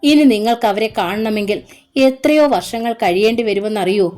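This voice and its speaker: A woman's voice: medium pitch, lively intonation, a little fast, soft background music, lightly acted. A woman voicing a sorrowful young woman who weeps and blames herself. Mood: tender. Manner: weeping, hushed.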